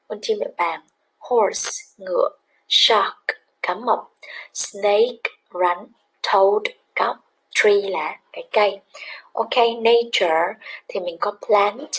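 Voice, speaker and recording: Woman english teacher, slow and patient, kinda husky, switches languages while explaining. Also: mid-range voice, low-quality recording. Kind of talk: recorded English lesson for children.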